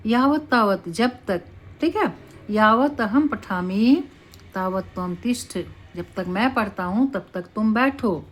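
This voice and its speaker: A woman teaching in a classroom. She talks at a slow, unhurried pace and keeps checking that her students are following. Her pitch sits in a middle range. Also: animated. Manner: slow and deliberate, often checks with "ठीक है". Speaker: Sanskrit teacher. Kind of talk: classroom lesson.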